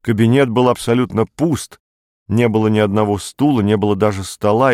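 A man narrating a story as an audiobook in an even, measured manner. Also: on the low side, no echo, studio quality.

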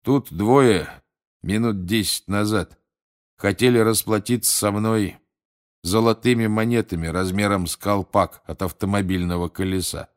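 A man voicing a curious, plain-spoken campsite keeper who talks slowly and thoughtfully, in an audiobook reading. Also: fairly low pitch, clean tone, lightly acted. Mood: musing. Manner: slow, unhurried, musing.

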